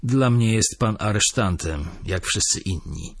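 A man's voice: fairly low pitch, animated, no room sound, studio quality. A man voicing a stern, cool-headed police officer who speaks firmly and coldly. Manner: firm, measured, cold.

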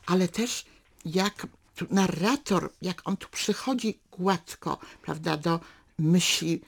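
Slow, husky woman reading prose aloud. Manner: dramatic pitch swings on quoted thoughts. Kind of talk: expressive reading of a novel passage.

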